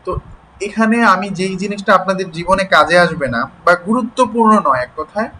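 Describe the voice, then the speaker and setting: A man's voice: high voice, lively intonation, pushed and bright, a little hiss or hum, low-quality recording. A man teaching an online class. He explains patiently, spells words out sound by sound, and keeps checking that his students follow. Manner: explains slowly, checks in with "ঠিক আছে?".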